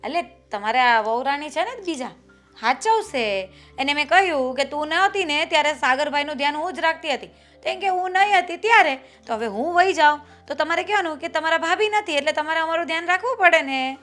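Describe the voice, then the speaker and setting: An actress playing a patient, worried wife and elder sister-in-law who reasons calmly about family troubles. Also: female voice, sits high, a little fast, soft background music. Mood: arguing. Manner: calm, reasoning, then pushing back. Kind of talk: family drama acting.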